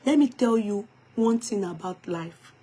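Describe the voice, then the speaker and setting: A woman's voice: medium pitch, lively intonation, measured pace, mellow, husky. A woman with a Nigerian accent giving emphatic gossip commentary in a vlog, slipping into pidgin and Yoruba phrases. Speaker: vlogger.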